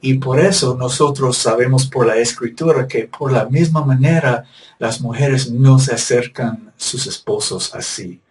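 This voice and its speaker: A man's voice: medium pitch, measured pace, darkish tone, far from the mic. A male preacher giving a sermon, emphatic and repetitive, with rhetorical questions.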